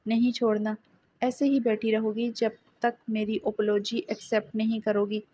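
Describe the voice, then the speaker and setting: A woman's voice: fairly high pitch, little pitch movement, warm tone, close to an everyday voice. A woman reading the lines of a young husband who coaxes and teases his wife in an audio novel. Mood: coaxing. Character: young husband, teasing and coaxing.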